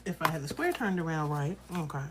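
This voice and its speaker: A woman talks through her quilting steps in a relaxed, chatty live tutorial. Her voice sits a little low, and she keeps reassuring viewers as she works. A faint hiss of background noise runs under the recording. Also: fast talker. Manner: chatty, reassuring, thinks aloud while working. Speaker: quilting instructor.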